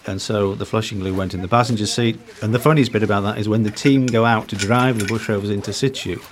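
A man with a fairly low voice, guest on a podcast. He tells rambling, good-humoured stories about his safari business, often restarting his sentences and poking fun at himself. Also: steady tone, quick pace, a little hiss or hum. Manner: chatty anecdotal storyteller, self-deprecating, restarts often. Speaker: safari company founder, guest. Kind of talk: conversational podcast interview.

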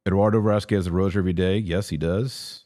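An American man hosts a casual livestream, answering viewers in an informal chat full of playful slang. His voice sits low and steady, he talks fast, and the tone is mellow. It's a studio-quality recording with no room sound, and he's a podcast host.

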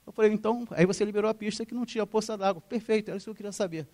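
In a university theater, a middle-aged colonel of the air force, originally from Rio de Janeiro, lectures on flight safety at rapid-fire speed. His voice is high-pitched yet mellow, and he fills the talk with stories, acting out the dialogue and often ending sentences with "ok?".

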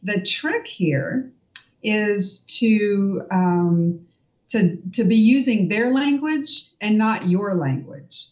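A woman's voice: mid-range voice, expressive, takes it slowly, darkish tone. Brief: woman guest coach, confident and explanatory, heard from a distance on dull audio. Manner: confident, explanatory, frequent "you know" and "right?". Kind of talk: casual interview chat.

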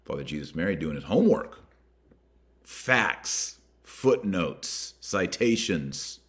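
A podcast host, an American man with an extremely deep voice, reads and comments in a deliberate, emphatic manner, leaning hard on key words and names.

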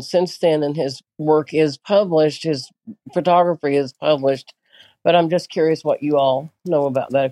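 A woman speaks slowly with a dry, close sound. She is an audience member putting a casual question to a panel, tentative and a little self-deprecating. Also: sits low, mellow, dry recording.

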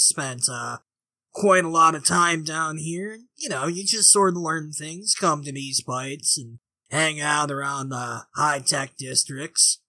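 A man playing a tabletop role-playing game, speaking in character in an easygoing, unhurried way. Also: a little high, bright, forceful tone, no room sound. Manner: easygoing, slow-paced in-character talk. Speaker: player.

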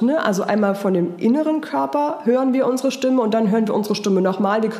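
A woman's voice: fairly high pitch, warm tone, reverberant. A woman voice and charisma trainer, coaching live and answering viewer comments in an encouraging, patient way. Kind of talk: live-stream coaching talk.

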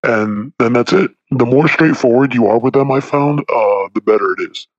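A man's voice: medium pitch, moderate pace. A man speaking as a podcast guest with his voice disguised for anonymity, talking frankly and plainly. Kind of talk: casual chat. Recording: dull lo-fi dry sound.

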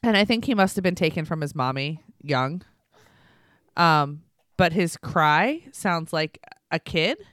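A woman's voice: sits low, lively intonation, a little slow, a bit bright, dry recording, clean studio sound. A young woman hosting a podcast, chatting casually and rambling with lots of fillers. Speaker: podcast host.

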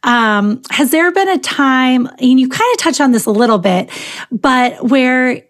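A woman's voice: high voice, animated, unhurried. A woman podcast host asking thoughtful questions and affirming her guest in a casual interview. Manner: attentive, affirming listener.

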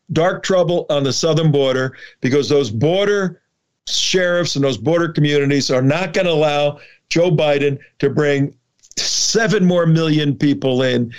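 A man's voice: mid-range voice, darkish tone. A man around seventy, a border activist guest, talking emphatically in a rambling interview with many restarts. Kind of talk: conversational interview. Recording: dull lo-fi remote line.

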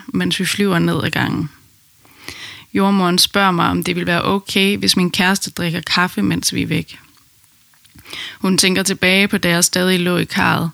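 A woman calmly narrating her own birth story in the first person, in an intimate storytelling manner. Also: on the low side, gravelly, no room sound.

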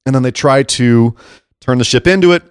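A man co-hosting a podcast, talking in a casual, animated way about wrestling and laughing easily. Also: mid-range voice, moderate pace, clean tone, no room sound, studio quality. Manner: animated, excitable, breaks into laughs. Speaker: podcast co-host.

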